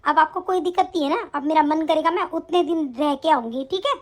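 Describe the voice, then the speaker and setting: Woman voicing a very high-pitched defiant young wife. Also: a little fast, close to an everyday voice. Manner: sharp and scolding. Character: young daughter-in-law, fed up and defiant. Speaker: voice actor. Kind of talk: animated story dialogue.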